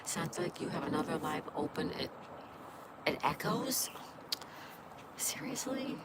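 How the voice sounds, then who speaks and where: A woman with a low-pitched, animated voice and a stuffed-up nose hosts a casual livestream, greeting viewers by name and reading their chat aloud. She speaks at a measured pace over loud background noise.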